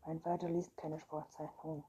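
A woman's voice: deep voice, flat delivery, moderate pace, warm tone, breathy edge. A woman reading a storybook, voicing a timid, easily frightened schoolboy. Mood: alarmed. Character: timid, anxious human schoolboy.

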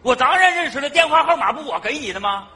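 A man's voice: extremely high pitch, fast, full character voice. A forgetful easygoing Northeastern guy. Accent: Northeastern Chinese. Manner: exclaiming, lively comic delivery. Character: forgetful good-natured man fetching his old TV. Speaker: sketch comedy actor. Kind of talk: stage comedy sketch.

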